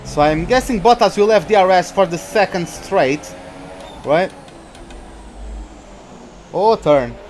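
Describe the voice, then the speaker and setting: A young Portuguese man streaming a racing game chats with viewers, reading out their names and reacting to the race. His voice sits high and he goes slowly, pausing often, with a slight hiss or hum behind him.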